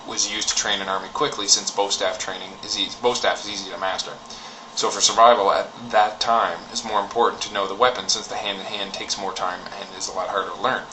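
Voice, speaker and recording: A man giving a casual, opinionated rant in a blunt, informal way with some swearing. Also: lowish voice. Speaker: martial arts enthusiast giving opinions. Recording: clearly noisy recording with background ambience.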